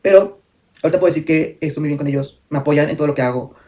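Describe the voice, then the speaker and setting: A man's voice: fairly high pitch, racing, a little mellow. A young man telling a personal story in a candid vlog, full of fillers and self-corrections. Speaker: vlogger.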